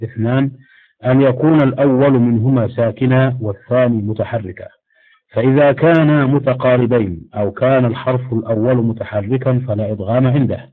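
A man reading out a lesson on Quran recitation rules in a measured, explanatory way, slowing down to recite the example words. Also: medium pitch. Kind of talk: read-aloud tajweed lesson. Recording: tinny phone-like lo-fi recording.

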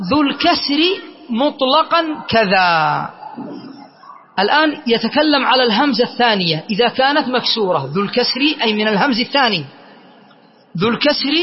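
A man teaching Arabic grammar to a class, often checking that students follow and slowly repeating word forms as drills. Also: very high voice, lively intonation. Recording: muffled lo-fi lecture recording.

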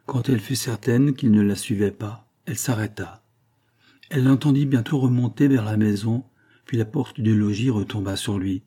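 A man narrating an old novel aloud with steady, measured phrasing. His voice sits low and dark, with a husky grain. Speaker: audiobook reader. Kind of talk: reading a 19th-century novel aloud.

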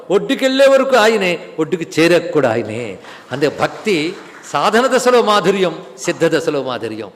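A male spiritual lecturer giving a devotional scripture discourse, chanting verses in a sung cadence and then explaining them with lively storytelling. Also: fairly high pitch. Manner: storytelling with lively rises and drops. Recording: long hall reverb.

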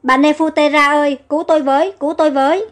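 A woman voicing a lively young heroine queen who teases and banters. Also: high-pitched, faint music behind, close to an everyday voice. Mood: frightened. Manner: teasing, bright and quick.

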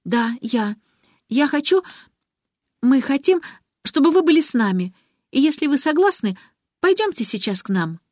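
Brief: woman voicing a small girl, tearful and stubborn, high and lively. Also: moderate pace, long pauses, no echo, clean studio sound. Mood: pleading. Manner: high, pleading, insistent. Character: tearful determined young girl.

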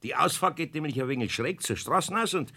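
Husky, good-natured Bavarian craftsman. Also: on the high side, lively intonation, brisk, pushed and bright, exaggerated voice. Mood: cautioning. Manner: easygoing, mumbling asides, hesitant. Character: good-natured, hesitant older master carpenter. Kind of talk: German children's radio play acting.

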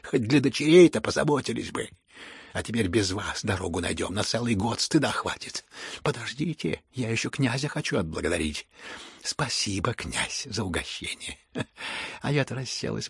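A man reading a furious, hysterical elderly noblewoman who scolds everyone around her, in shrill raised bursts. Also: gravelly, husky, dry recording, clean studio sound. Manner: shrill scolding outbursts, rising to shouts.

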